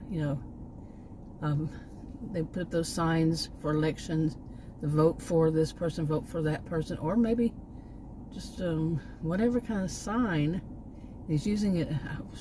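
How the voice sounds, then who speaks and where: A middle-aged woman from Texas, vlogging outdoors by a park, speaks a little slowly in a low voice over a noisy background. Her casual chatter digresses, frequently trailing off and circling back to her point.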